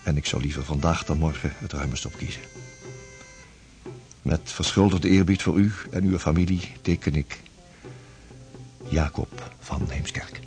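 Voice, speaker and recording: A very deep male voice belongs to an actor portraying a grieving, devout Dutch sea captain in a period radio drama, with music in the background. His delivery is husky, solemn, formal and halting.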